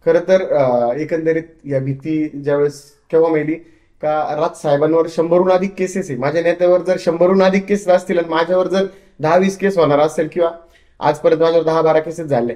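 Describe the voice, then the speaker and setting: A man's voice: fairly high pitch, dark tone, reverberant. A young man from Maharashtra, a party worker, answering interview questions earnestly, with hesitant restarts.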